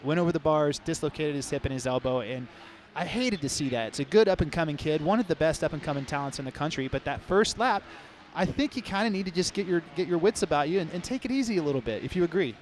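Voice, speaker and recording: A man hosting a live race webcast, rattling along at a brisk clip in an upbeat, chatty way. His voice sits a little high for a man. Faint outdoor noise hums behind him. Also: lively intonation. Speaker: host.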